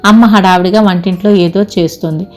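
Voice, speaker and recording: A woman's voice: medium pitch, fairly even intonation, a little fast, a little mellow, faint music behind. A woman narrating an audio story in the first person, reading steadily and reflectively.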